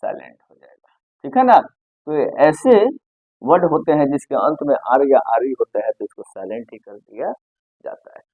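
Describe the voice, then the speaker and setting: A man's voice: mid-range voice, expressive, moderate pace, slightly rough, no room sound, narrow, tinny audio. A man teaching an English pronunciation lesson in Hindi, asking questions and answering them himself, repeating key points. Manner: stretches out single words, often ends with "ठीक है ना?".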